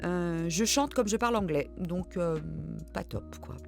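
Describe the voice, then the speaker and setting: Chatty low-voiced woman. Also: a little slow, a little mellow, faint music behind. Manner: chatty, self-deprecating, many hesitant fillers. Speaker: host of a reading channel. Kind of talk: casual chat answering viewer questions.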